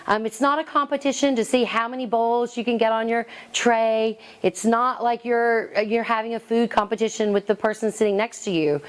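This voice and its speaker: A woman's voice: mid-range voice, clean tone. A woman teacher answering a student reporter's question, explaining earnestly in a school news broadcast. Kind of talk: interview answer.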